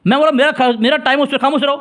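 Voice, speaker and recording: A man with a strikingly high voice argues hard in a religious debate. He shouts down interruptions, keeps turning to the listeners, and reads quoted passages slowly and deliberately. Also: steady tone. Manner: combative, talks over interruptions, addresses listeners directly.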